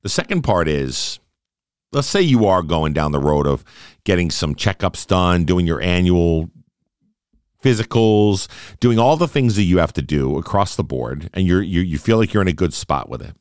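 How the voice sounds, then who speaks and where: Low-voiced guy in his 40s doing a solo podcast, earnest and chatty, dry close mic. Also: animated, normal speed, a little mellow, no echo. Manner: earnest, conversational, repeats phrases and asks "right?". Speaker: podcast host.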